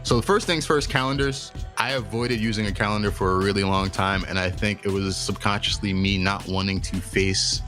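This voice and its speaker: A young adult man hosting a podcast, telling stories and giving career advice in a casual, profane, animated way. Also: lowish voice, normal speed, few pauses, soft background music. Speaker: podcast host.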